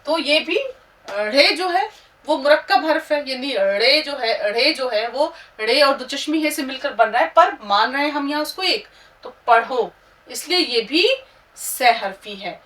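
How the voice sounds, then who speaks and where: A woman teaching Urdu, slowly and patiently spelling words out letter by letter. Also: high-pitched, expressive, fairly bright tone, distant mic.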